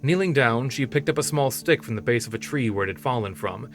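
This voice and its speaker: A man narrating a fantasy story in steady, measured storytelling. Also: medium pitch. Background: soft background music.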